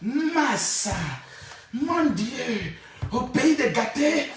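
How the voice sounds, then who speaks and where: A man doing rowdy live-stream commentary, shouting, chanting and mocking. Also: very high voice, animated, extremely slow, slight background noise. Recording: echoey room, far from the mic.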